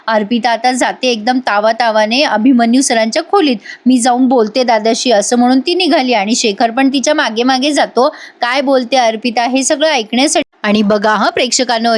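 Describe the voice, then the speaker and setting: A woman narrating a chatty voice-over recap of a TV serial, talking straight to the viewers and acting out the characters' lines with small voice changes. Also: fairly high pitch. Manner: chatty, addresses viewers directly.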